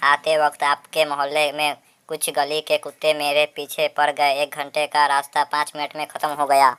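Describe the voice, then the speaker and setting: A man voicing a flattering, freeloading distant relative in a comedy sketch, soft and wheedling. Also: on the high side, normal speed, clean tone, dry recording.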